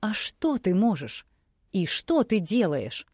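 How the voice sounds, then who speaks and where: Shrill whiny ex-wife on the phone, all accusing, woman reading, dry close sound. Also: very animated, takes it slowly, a little mellow, slightly rough, dry recording, heavily acted. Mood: snide taunting. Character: shrill tearful nagging ex-wife, middle-aged.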